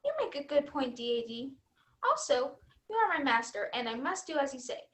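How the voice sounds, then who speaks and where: A woman's voice: sits high, big pitch swings, fairly quick, a bit bright. A woman playing an earnest, dutiful robot vacuum in a scripted stage comedy, with formal robotic phrasing. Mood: polite, servile. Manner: formal robotic phrasing, spells words out letter by letter. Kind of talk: scripted youth theater comedy acting.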